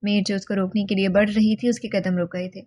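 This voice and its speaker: A woman narrating an audio novel in an even, descriptive storytelling manner. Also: medium pitch.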